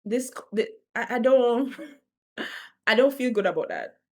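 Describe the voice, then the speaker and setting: A woman's voice: fairly high pitch, unhurried. Candid Caribbean woman thinking aloud. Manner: candid, animated, laughing between thoughts. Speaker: vlogger. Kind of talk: reflective talking-to-camera vlog.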